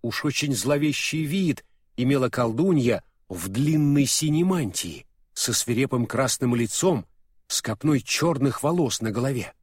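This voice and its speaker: A man narrating a fairy-tale audiobook in an expressive, vivid storytelling manner. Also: medium pitch, a little slow, breathy edge, no room sound, studio quality.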